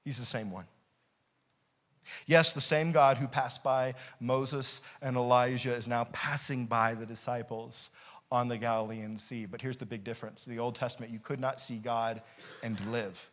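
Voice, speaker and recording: A man's voice: medium pitch, fairly even intonation, normal speed, a bit bright. A man preaching a sermon as pastor, repeating key phrases and building intensity, sometimes laughing as he explains. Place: church sanctuary.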